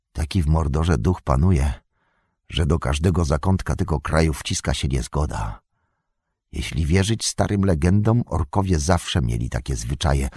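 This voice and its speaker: Frodo, a man doing a hushed, grave hobbit. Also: deep voice, breathy edge, no echo, clean studio sound, pitched below the performer's own voice, exaggerated voice. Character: grave, cautious male hobbit, quiet and wary. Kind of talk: audiobook reading.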